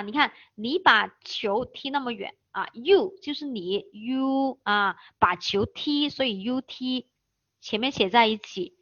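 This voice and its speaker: High-voiced woman teaching vocabulary. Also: a bit bright, dry recording. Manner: spells letters out slowly, repeats key words. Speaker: English teacher. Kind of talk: vocabulary lesson. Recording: dull, dry close recording.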